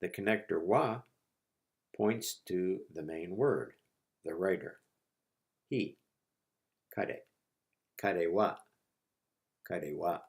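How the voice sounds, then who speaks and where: A man teaching a language lesson, repeating each word slowly and patiently for learners. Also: deep voice. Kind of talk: slow, patient lesson narration.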